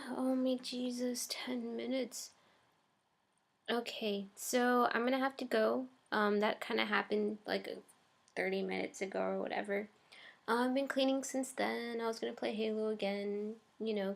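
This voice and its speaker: A woman's voice: medium pitch, vocal fry. A young woman chatting casually in her first vlog, hesitant and full of ums and likes. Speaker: vlogger.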